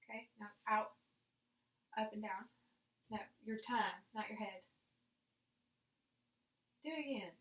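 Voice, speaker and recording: Bright-voiced woman talking through a clinical exam. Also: mid-range voice, measured pace, long pauses. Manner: informal, talks patient through each step. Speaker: examiner demonstrating a nursing head assessment on a patient. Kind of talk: spoken clinical exam demonstration with casual instructions.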